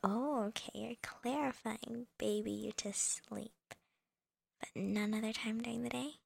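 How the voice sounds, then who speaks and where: A young woman whispers right up against the microphone in an ASMR girlfriend roleplay, her voice airy, breathy and full of gravelly fry. She teases softly, slips in small laughs, and keeps her pitch a little high but barely moving, with an unhurried pace. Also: steady tone. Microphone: close microphone.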